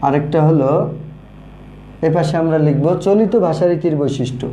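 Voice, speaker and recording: Brief: male teacher, slightly high voice, mellow tone, repeats key terms, echoey room. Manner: slow and repetitive, says key terms twice. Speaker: grammar teacher. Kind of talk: online grammar lesson, writing on a board. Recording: echoey room with faint noise.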